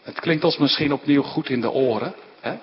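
A man preaching a sermon, explaining scripture in an emphatic, animated way with frequent rhetorical asides. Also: medium pitch, fairly quick. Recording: dull sound in a large reverberant hall.

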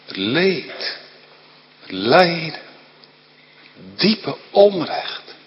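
A man's voice: a little high, very animated, extremely slow, big-room sound, muffled recording. A man pastor giving an earnest, emphatic sermon.

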